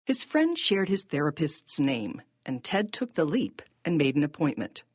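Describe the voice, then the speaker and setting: A woman reading scripted documentary narration in a measured, plain way. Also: sits low, big pitch swings, breathy edge, no room sound, clean studio sound.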